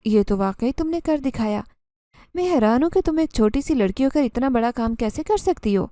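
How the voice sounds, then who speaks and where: A woman voicing a grumpy, sleepy male jinn who speaks gruffly and demandingly in an audio story. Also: fairly high pitch, animated, mellow, dry recording, studio quality, lightly acted. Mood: admiring. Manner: irritated, gruff speech.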